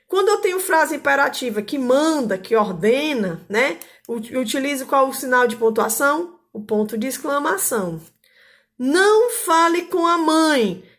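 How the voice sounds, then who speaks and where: Female teacher, high voice, patient grammar explainer, keeps checking the class understands. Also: fairly bright tone. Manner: explanatory, frequent tag questions. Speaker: Portuguese teacher.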